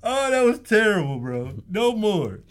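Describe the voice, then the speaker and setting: A young man co-hosting a casual podcast chat, with loud, joking and incredulous outbursts. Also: high-pitched, sing-song, measured pace, slight background noise. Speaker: podcast co-host.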